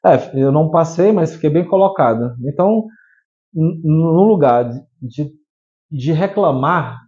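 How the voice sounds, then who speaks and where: A man's voice: a little high, lively intonation, a little slow, mellow, muffled recording. A man in his thirties from Piauí in Brazil, telling his life story as an interview guest, hesitant and full of restarts. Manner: hesitant, many restarts and fillers. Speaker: guest, entrepreneur.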